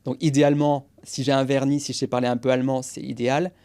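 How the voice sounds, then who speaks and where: A man's voice: mid-range voice, flat delivery, quick pace, darkish tone, smooth. A man in his forties, a guest on a podcast interview, explaining go-to-market strategy with energy and English business jargon.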